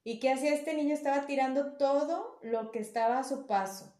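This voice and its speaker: A woman's voice: sits high, brisk, a little mellow. A woman with a northern Mexican accent, chatting casually as a podcast co-host. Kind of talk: casual conversational chat. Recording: roomy echo, faint music.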